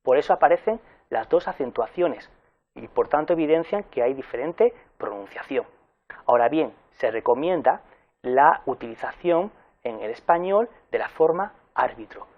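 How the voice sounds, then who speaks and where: A man giving a recorded university lecture in an explanatory way, pausing with fillers and correcting himself as he goes. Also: a little high, lively intonation, phone-quality sound.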